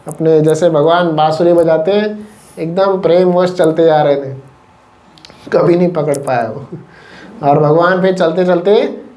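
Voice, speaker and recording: Brief: high-pitched man, animated devotional storyteller. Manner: lively, animated storytelling with acted quotes and laughs. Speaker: kirtan storyteller.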